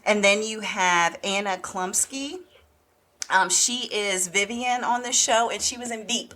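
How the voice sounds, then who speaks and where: A woman's voice: mid-range voice, measured pace, pushed and bright. A woman co-hosting an entertainment podcast, chatting casually and chattily with many fillers and asides. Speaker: podcast co-host.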